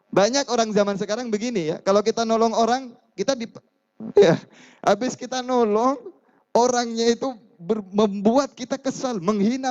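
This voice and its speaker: A man preaching a sermon, telling stories in an animated way and shifting between voices, on a dull lo-fi recording. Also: fairly high pitch. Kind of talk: sermon storytelling.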